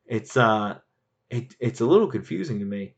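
A man chatting casually as a board game reviewer, animated and laughing, rambling with frequent restarts. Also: mid-range voice, moderate pace, muffled recording. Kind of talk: casual chat.

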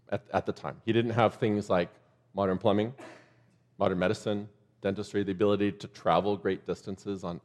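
A man preaching a sermon in a church, conversational and loose, with joking asides to the congregation. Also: lowish voice. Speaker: pastor.

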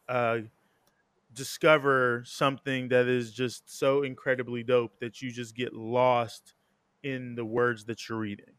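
A man's voice: on the high side, fairly bright tone, no echo. A man hosting an interview podcast, talking informally and conversationally, rambling a little and correcting himself as he goes. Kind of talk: casual, conversational show introduction.

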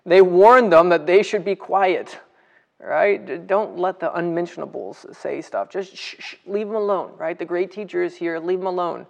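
Slightly high, gravelly man leading Bible study. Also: normal speed. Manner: conversational, asks viewers questions and greets them by name. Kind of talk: casual livestream Bible teaching.

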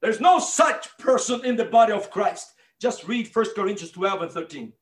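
High-voiced Brazilian-accented male preacher. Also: expressive, normal speed, reverberant. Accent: Brazilian Portuguese. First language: Portuguese. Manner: emphatic, building to impassioned shouts, direct address to listeners. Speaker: pastor. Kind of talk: sermon.

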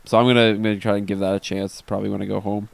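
A man's voice: fairly low pitch, flat delivery, rapid-fire, gravelly, no echo. A young man in his twenties co-hosting a podcast, chatting casually and hesitantly with many fillers. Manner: hesitant, lots of ums and likes. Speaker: podcast co-host. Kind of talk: casual chat.

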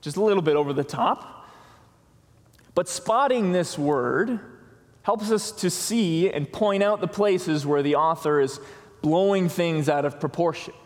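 A man preaching a sermon as pastor, slow and deliberate, pausing for emphasis on key words. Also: a little high. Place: church sanctuary. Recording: long reverb of a church hall.

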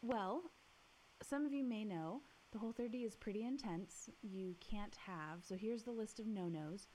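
A young adult woman co-hosting a podcast in casual chat, upbeat and quick to laugh. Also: mid-range voice, mellow, poor audio. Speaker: podcast co-host. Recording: faint hiss.

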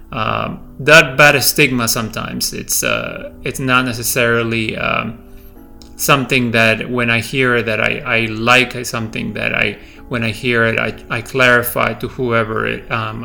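Faint, soft music sits under this personal reflection from a middle-aged podcast host from Peru, who speaks with a light Peruvian Spanish accent. He thinks aloud slowly, hesitating, using many fillers and often stopping to restart. His mid-range voice is gravelly and bright, with a certain edge.

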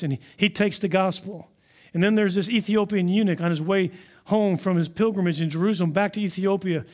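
Man, high voice, conversational sermon, animated storyteller. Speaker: pastor.

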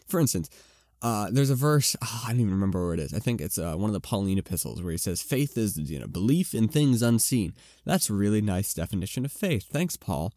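A man hosting a casual Bible-teaching podcast, with a fairly low voice that swings widely in pitch. He talks conversationally and drifts into fillers and side remarks. The recording is close and dry. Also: dark tone, dry recording. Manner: conversational, with frequent fillers and asides. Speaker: podcast host.

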